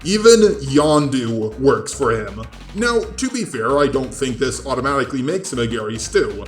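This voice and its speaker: This video essayist, a man with a mid-range, animated voice, moves at a moderate clip through scripted commentary that sounds emphatic, sarcastic and incredulous. The room echoes, and music runs underneath.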